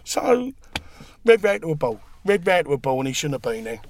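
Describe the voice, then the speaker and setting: A man's voice: a little high, very animated, brisk, slight background noise. A man in casual football chat, rowdy and jokey, swearing freely. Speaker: football fan pundit.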